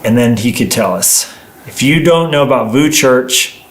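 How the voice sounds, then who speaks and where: A man's voice: medium pitch, animated, moderate pace. A man chatting casually as co-host of a livestream, telling stories in a playful, rambling way. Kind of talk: casual livestream chat with partner. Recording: roomy, echoing indoor sound.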